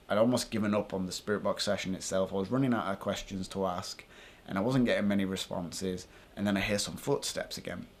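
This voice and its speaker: A man's voice: low voice, a little hiss or hum. A British man talking casually and informally to viewers as a paranormal vlogger, thinking aloud as he explains.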